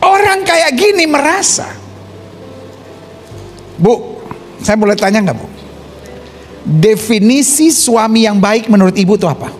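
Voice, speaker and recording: Pendeta pria, khotbah penuh gaya, suara tinggi dan naik-turun, musik samar di latar. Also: male voice, high voice, unhurried, pauses often, soft background music. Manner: animated, acts out scenes with put-on voices, asks the congregation questions. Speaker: pastor. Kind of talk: lively sermon.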